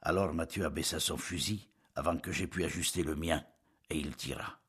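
A man doing a slow monotone Corsican villager. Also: a bass voice, slightly rough, heavily acted. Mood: flat, matter-of-fact. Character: tall stooped sickly Corsican man, placid and resigned.

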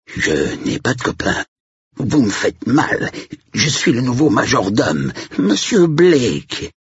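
A man's voice: extremely low pitch, lively intonation, a little slow, slightly rough, no room sound, full character voice. A man voicing an elderly, timid English butler who speaks formally in a quavering, raised voice. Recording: dull lo-fi recording.

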